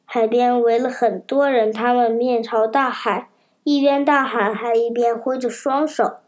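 A woman reading a children's storybook aloud in a steady, clear voice, with small slips. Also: on the high side, measured pace.

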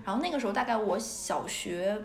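Lively, fast-talking woman storyteller in a roomy space. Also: medium pitch. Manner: animated, laughs often while telling stories. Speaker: podcast host. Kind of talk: casual storytelling chat. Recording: roomy echo.

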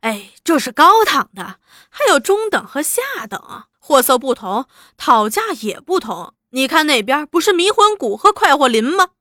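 A woman's voice: high-pitched, very animated, measured pace, pushed and bright, no echo, clean studio sound, exaggerated voice. A woman reading a storybook voices a worldly young man who talks in a sly, gossipy way about the town's seedy spots.

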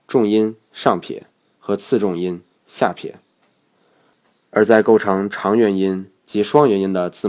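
Male instructor, slightly low voice, calm methodical scripted lesson delivery. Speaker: English learning instructor.

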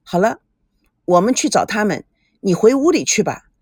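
A woman voicing a relaxed young man who jokes and protects his companion, in an audiobook. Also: medium pitch, moderate pace, husky, dry recording, studio quality. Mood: easygoing.

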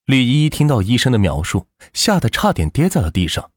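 A man narrating a dramatic web novel story in a lively way. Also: mid-range voice, brisk, no echo, clean studio sound.

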